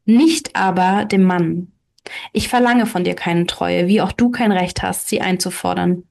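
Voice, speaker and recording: A woman's voice: on the low side, measured pace, vocal fry, darkish tone. A woman reading aloud and voicing a self-assured woman who lectures firmly about love and faithfulness. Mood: persuasive. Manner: firm, lecturing.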